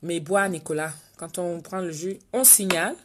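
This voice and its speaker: A woman's voice: lowish voice, moderate pace, a bit bright, a little hiss or hum. A woman hosting a casual live stream from home, chatting and reading out viewers' names and comments. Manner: chatty, reads viewer names aloud and answers them.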